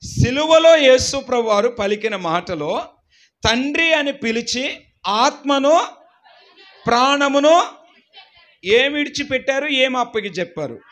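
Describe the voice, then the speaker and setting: A hoarse man, a pastor teaching a Bible class, quizzing his students and getting them to call answers back, with emphatic shouted lines. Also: extremely high pitch, expressive, measured pace. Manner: call-and-response, quizzing the class and urging them to repeat aloud. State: hoarse, voice worn out.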